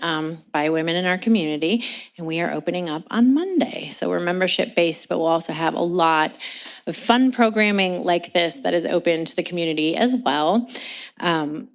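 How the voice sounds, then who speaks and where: A woman with a fairly low voice welcomes a live audience. She introduces the guests in a friendly, lightly scripted way, with the odd filler. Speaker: event host introducing the guests. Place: co-working space with an audience.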